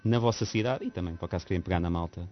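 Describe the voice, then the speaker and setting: Radio guest: Portuguese man, low voice, rapid easygoing slang, dull mic. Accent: European Portuguese. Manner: relaxed, slangy, upbeat. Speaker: radio guest promoting a student magazine. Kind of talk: casual radio chat.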